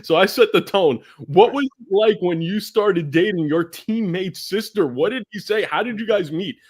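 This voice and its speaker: A man's voice: sits high, moderate pace, husky. A man hosting a sports podcast, asking eager, joking questions in casual chat. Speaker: podcast host.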